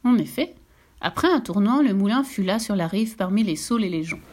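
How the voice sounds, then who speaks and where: A woman reading a children's story aloud in a gentle, expressive way, with soft whispered touches. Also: medium pitch, brisk.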